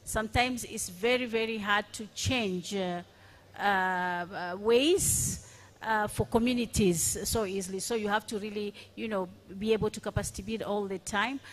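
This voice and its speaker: A woman's voice: mid-range voice, fairly even intonation, moderate pace. Hesitant woman panelist with many fillers. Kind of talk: conference panel discussion. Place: large conference hall stage. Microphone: handheld microphone.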